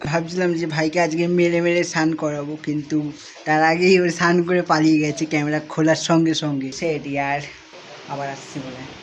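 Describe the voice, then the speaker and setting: A chatty vlogger speaks at a middling pitch and grumbles about the heat while walking outside. The voice is a little hushed beside the road. It is caught on a phone camera with loud outdoor noise all around. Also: level tone, fast talker. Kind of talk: casual vlog talk to the camera. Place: outdoors around home and street. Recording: noisy outdoor phone audio.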